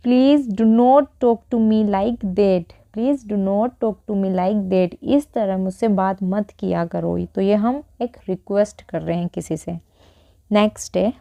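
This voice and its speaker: Indian woman, English teacher, slow and mellow, repeats each phrase, dull lo-fi sound. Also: a little high, no room sound. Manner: repeats English phrases very slowly, then explains. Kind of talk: spoken English lesson in Hindi.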